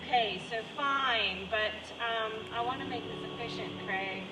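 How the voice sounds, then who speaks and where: A woman's voice: on the high side, a little slow. Rambling woman hosting an outdoor Q&A. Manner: chatty, rambling, self-interrupting. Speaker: choreographer and director hosting a post-show Q&A. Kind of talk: casual outdoor post-show Q&A. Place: outdoor performance space. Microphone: handheld mic held away from mouth. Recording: distant echoey outdoor sound with loud traffic noise.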